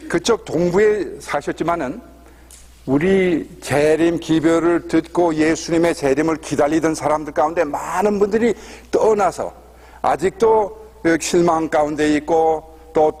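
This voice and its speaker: A man guiding a church history tour, telling a story in an animated way and asking the audience questions. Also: on the high side. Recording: long hall reverb.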